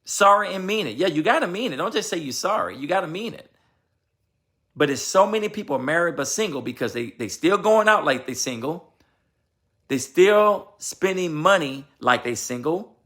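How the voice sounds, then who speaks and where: A man's voice: a little high, expressive, moderate pace, a bit bright. A man giving marriage advice in a vlog, talking in an emphatic, repetitive, sermon-like way and addressing his viewers directly. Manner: addresses viewers and asks his wife for confirmation. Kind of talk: preachy casual talk.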